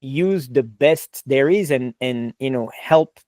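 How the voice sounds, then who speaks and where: A podcast host with a French accent talks in an easy, chatty way. He is enthusiastic and fills his sentences with "like" and "you know". His medium-pitched voice is recorded close and dry. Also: slow, darkish tone, no room sound. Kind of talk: casual interview chat.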